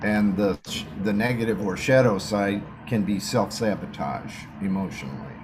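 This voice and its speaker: A man giving a reading, explaining each point in a slow, measured way. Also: lowish voice, background noise. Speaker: gene keys reader.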